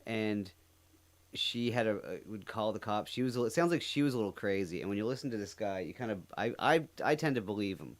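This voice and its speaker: A man hosting a reaction channel with casual live commentary, rambling and halting as he goes. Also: fairly low pitch, lively intonation.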